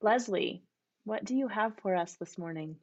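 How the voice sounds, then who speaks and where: A woman's voice: medium pitch, expressive, moderate pace, dull audio. A woman facilitating a church discussion group, thanking members and inviting the next speaker.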